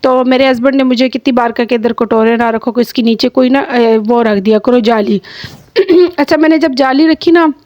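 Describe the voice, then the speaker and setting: A woman's voice: fairly high pitch, moderate pace, no echo, highs cut off. A middle-aged woman with a Pakistani Urdu accent and a slightly sore throat, chatting to viewers in a rambling home vlog, full of fillers and restarts. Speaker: vlogger, homemaker. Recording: dry close sound.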